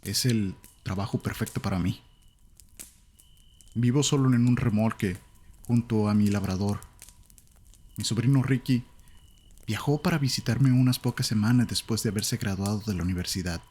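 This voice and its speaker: Male narrator, low voice, Latin American Spanish accent, calm measured horror storytelling, faint hiss in the recording.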